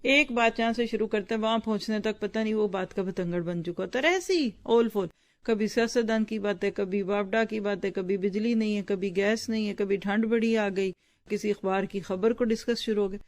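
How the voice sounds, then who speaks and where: A woman Islamic teacher reading from a book to her students and explaining it, stopping to ask and answer what words mean. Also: medium pitch. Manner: pauses to explain word meanings with quick questions to the class; conversational, addresses listeners directly.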